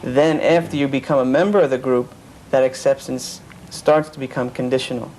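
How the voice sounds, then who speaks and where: A man's voice: medium pitch, steady tone, moderate pace, darkish tone, slight background noise, rough recording. A man telling an earnest personal story about his past, often quoting what others said. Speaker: interviewee. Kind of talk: personal account of cult experience.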